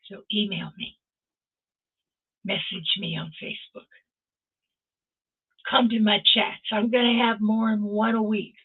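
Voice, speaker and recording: A woman's voice: mid-range voice, steady tone, a little slow, pauses often, slightly rough. An older woman hosting a stream and giving an impassioned motivational talk over a video call, urging her listeners on directly. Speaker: host. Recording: tinny phone-like video call audio.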